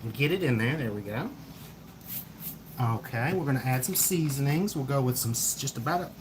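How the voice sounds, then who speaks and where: A man's voice: mid-range voice, lively intonation, normal speed, background noise. A man talking through a recipe in his home kitchen, easygoing and explaining each step while chatting with his child. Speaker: home cook streaming a recipe. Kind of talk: casual cooking demonstration. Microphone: phone camera. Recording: kitchen clatter and a screaming parrot behind.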